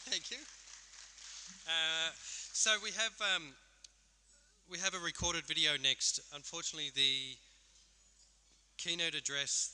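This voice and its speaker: A man's voice: medium pitch, pushed and bright, smooth. A man emceeing a live event, introducing acts with hesitant filler-laden phrasing. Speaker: event host. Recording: long hall reverb.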